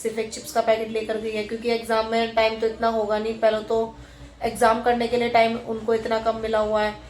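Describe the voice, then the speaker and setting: A woman in her thirties chatting casually on a home vlog as a mother, sometimes talking softly and slowly so a sleeping baby stays asleep. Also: fairly high pitch, completely flat delivery, a little hiss or hum. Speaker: vlogger, mother. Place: home, indoors and yard.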